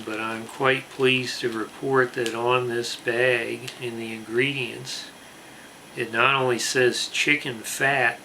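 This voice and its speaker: A man hosting a casual food review to camera, speaking in a deliberate, emphatic way with drawn-out words. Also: medium pitch, gravelly, pushed and bright, slight background noise. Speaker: snack review channel host.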